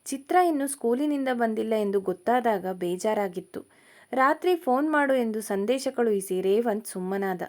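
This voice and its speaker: Woman narrating a story, higher voice. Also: expressive, moderate pace, a little mellow.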